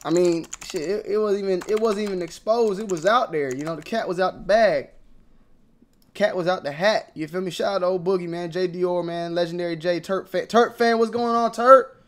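A young man vlogging about sneakers in slangy, repetitive casual talk that swings between mumbling and loud outbursts. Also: high voice, moderate pace. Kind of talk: casual ranting commentary.

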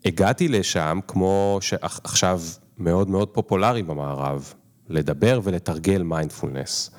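A man hosting a podcast, asking long, searching questions and playing down his own knowledge. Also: sits low. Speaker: podcast host. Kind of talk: interview questions.

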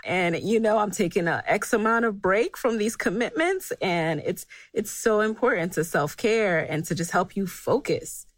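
A woman's voice: mid-range voice, expressive, moderate pace, few pauses, no echo. A woman hosting a podcast interview, affirming her guest and steering into listener questions. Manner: warm, affirming, guides the questions. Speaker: podcast host.

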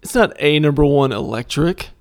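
A man's voice: fairly high pitch, expressive, normal speed, vocal fry, a little mellow, no echo. An American man chatting and joking casually as a quiz contestant.

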